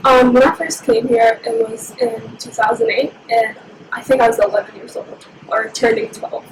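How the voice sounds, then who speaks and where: Young woman, flat high voice, echoey room. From Egypt. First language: Somali. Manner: reflective, unhurried storytelling. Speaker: interviewee, university student. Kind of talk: personal interview. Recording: echoey room with steady background noise.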